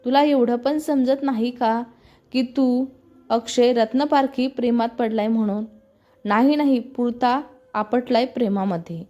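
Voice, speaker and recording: A woman's voice: on the high side, a little slow, mellow, dull audio, natural voice. A woman voicing a playful, teasing young man, the hero's best friend, in a storybook reading. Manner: teasing, mock-dramatic.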